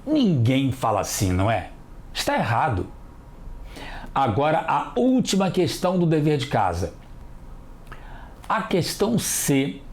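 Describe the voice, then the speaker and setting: A teacher leads a children's TV lesson at an unhurried pace. Each sound is spelled out with care, and the pitch rises and falls with a lot of lively movement. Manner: slow, careful, spells out sounds.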